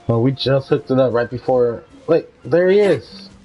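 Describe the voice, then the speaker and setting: Streaming a video game live, a young man narrates in a casual, slangy, informal manner, his mid-range voice animated at a moderate pace. Game music runs underneath the slightly dull stream audio.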